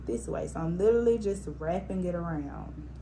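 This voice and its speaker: A woman's voice: fairly low pitch, moderate pace, slight background noise. Casual woman teaching a hair technique. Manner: relaxed, instructive, talks through each hand step. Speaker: hair tutorial host. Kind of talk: casual step-by-step tutorial. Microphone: phone propped up on a spray bottle.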